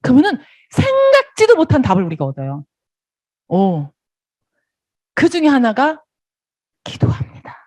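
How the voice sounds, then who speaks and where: A woman's voice: high-pitched, huge pitch swings, fast talker, few pauses, a little mellow, no room sound. A woman giving a motivational business seminar, acting out little dialogues and laughing often.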